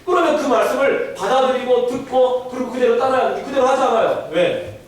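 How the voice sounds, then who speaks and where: A man's voice: extremely high pitch, brisk. A man preaching a sermon as pastor, telling stories and asking rhetorical questions. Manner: storytelling, rhetorical questions, animated. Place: church sanctuary. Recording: echoey hall, distant mic, faint noise.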